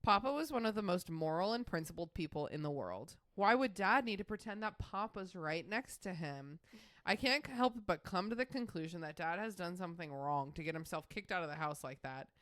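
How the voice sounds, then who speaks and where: A woman's voice: lowish voice, lively intonation, a little fast, a bit bright, dry recording, clean studio sound. A woman co-hosting a podcast, reading old writing aloud and breaking off into joking asides with frequent laughter. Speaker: podcast co-host.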